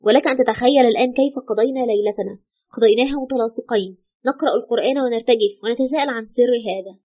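In an audio horror drama, a woman plays a frightened widow haunted by her husband's ghost, breathlessly retelling her story to a doctor with fearful urgency. Her voice is on the high side, darkish and slightly rough, and she races through it in a tense mood. The sound is lo-fi.

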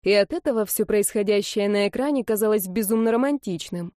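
A young woman narrating a first-person audiobook in a lively, expressive way. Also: mid-range voice, a little fast, no room sound, studio quality.

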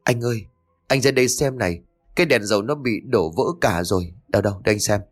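A man's voice: lowish voice, fast, faint music behind, natural voice. A man voicing a grieving middle-aged mother who pleads tearfully, in a spoken ghost story. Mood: flustered.

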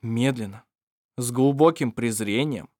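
A man narrates an audiobook from a script, his medium-pitched voice keeping a steady, measured storytelling rhythm. The recording is dry and of studio quality.

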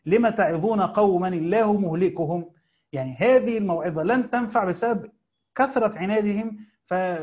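A man with an Egyptian Arabic accent teaching Quran commentary, reading passages slowly and then explaining them in quick colloquial asides. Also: sits high, a little mellow.

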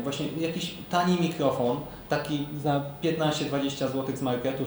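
Chatty man in a very echoey room. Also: mid-range voice. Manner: chatty, explains with examples. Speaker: podcaster. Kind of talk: casual panel chat. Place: room with other podcasters, recorded live. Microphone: shared handheld recorder. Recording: very echoey room, distant mic, faint hiss.

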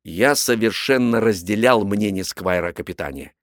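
Male audiobook narrator, deep-ish, dry studio sound, expressive storyteller. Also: moderate pace, dry recording. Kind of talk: first-person audiobook narration.

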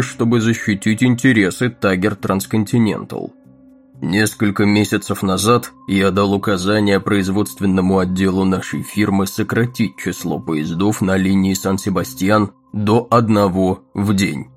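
Man voicing a scheming executive, very low voice, crisp monotone, smug. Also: close to an everyday voice. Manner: crisp and monotone, self-assured.

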